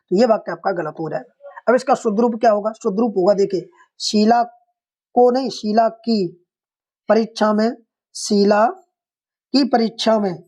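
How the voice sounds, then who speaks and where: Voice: mid-range voice, a little mellow. Step-by-step Hindi grammar teacher. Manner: explains step by step, often repeats "theek hai" and addresses viewers as friends. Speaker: Hindi exam-prep teacher. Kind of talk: online exam-prep lesson.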